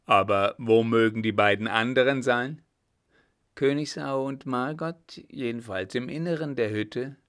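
A man reads a novel aloud at a slow, deliberate pace. His mid-pitched voice carries an even, measured storytelling manner through long sentences. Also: clean tone. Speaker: audiobook narrator. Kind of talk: scripted narration.

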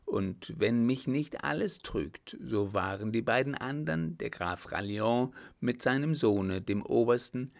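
Picture a composed, watchful gentleman in disguise who asks his questions steadily and slowly, as a man reads him in an audiobook. The voice has a gravelly, creaky edge and takes its time. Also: medium pitch, expressive. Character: calm, watchful man posing as a doctor.

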